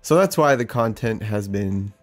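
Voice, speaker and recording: A man's voice: lowish voice, expressive, moderate pace. A man hosting a podcast in a casual, joking, chatty way. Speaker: podcast host. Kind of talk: casual chat.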